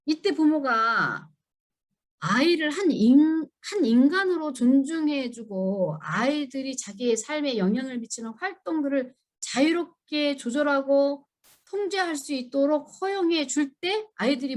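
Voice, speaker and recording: Woman, seminar lecturer, high pitched, emphatic, asks questions. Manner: acts out children and parents in high voices.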